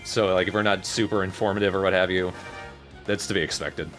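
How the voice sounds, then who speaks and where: Male gamer host, lower register, dry offhand casual commentary, music underneath. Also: steady tone, fairly quick. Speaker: let's player streaming a game. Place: voice over gameplay with game music behind.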